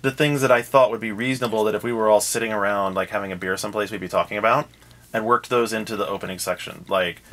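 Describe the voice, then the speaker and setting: A man's voice: fairly low pitch, fairly even intonation, fast talker, fairly bright tone, rough recording. A man hosting a casual behind-the-scenes podcast chat, rambling and wry as he lays out plans for the show. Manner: rambling, wry, self-interrupting. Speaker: podcast host planning the show.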